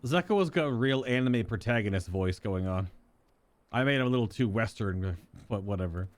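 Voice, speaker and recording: A man's voice: lowish voice, animated, fairly quick. A man giving casual commentary as he plays through a game. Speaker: game streamer.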